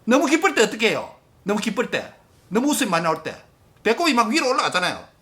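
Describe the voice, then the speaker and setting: A male pastor preaching a sermon with impassioned emphasis, addressing the congregation directly and dropping at times to a hushed near-whisper. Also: high voice, big pitch swings, quick pace.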